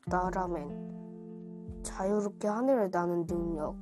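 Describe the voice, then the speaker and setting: A woman's voice: fairly low pitch, takes it slowly, over music. A woman playing a musing daydreamer character in a children's drama.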